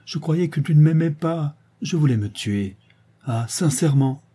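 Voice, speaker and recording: A man's voice: a little high, lively intonation, normal speed, mellow, slightly rough, voice pushed up. A man reading aloud voices a desperate young lover, speaking in an impassioned, pleading way.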